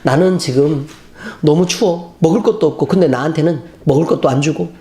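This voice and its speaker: A preacher voicing a spirit that poses as a dead young woman, speaking low and pleading through tears. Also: fairly quick, dark tone, roomy sound, natural voice. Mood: wailing.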